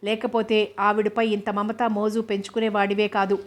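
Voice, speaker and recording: Heated foreign wife in a storybook reading, voiced by a woman, even-toned. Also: medium pitch, moderate pace, lightly acted. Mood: indignant. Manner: heated, accusing. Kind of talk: audiobook novel reading.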